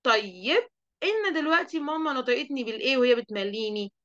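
A woman with an Egyptian accent teaching an online lesson to young children, lively and asking the class questions she then answers. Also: sits high, fast talker, highs cut off. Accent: Egyptian Arabic. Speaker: primary school teacher.

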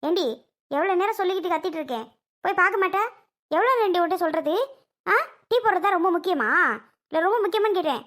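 A young performer voicing an angry middle-aged mother who loudly scolds her daughter in a family skit. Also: fast, pauses often. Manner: loud, scolding, high-pitched shouting. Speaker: Selvi, the young wife's mother.

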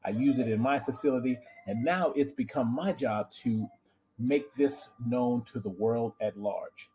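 A middle-aged man, a fitness trainer and equipment dealer, giving an earnest, persuasive sales pitch straight to camera from a small home office. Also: a little slow, dark tone. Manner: earnest, persuasive, emphatic on key words.

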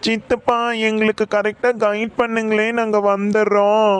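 A man's voice: sits high, little pitch movement, moderate pace, smooth. A man voicing an earnest young cousin. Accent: Coimbatore Tamil. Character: young cousin, eager and comforting. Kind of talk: cartoon voice acting.

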